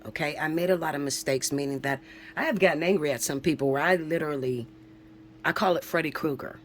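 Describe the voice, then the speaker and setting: Fast and deep-voiced, this woman in her forties delivers a casual spiritual vlog talk against slight background noise. She's an emphatic, preachy spiritual reader who swears freely and often checks in with viewers by asking "okay?".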